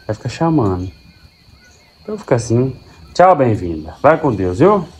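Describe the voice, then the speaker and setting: Outdoors on a cattle farm, a dairy farmer narrates a casual farm vlog, chatting fondly to his cows. His medium-pitched voice is darkish, very animated and moderately paced. Faint animal, bird and insect sounds fill the background.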